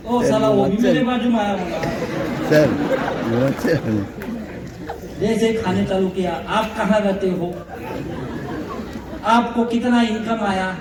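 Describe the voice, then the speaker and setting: A man telling a comic story to a live audience as a motivational speaker, acting out the dialogue in it. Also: sits high. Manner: animated, comic, acts out dialogue. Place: large hall with audience. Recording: echoey hall, distant mic, crowd noise.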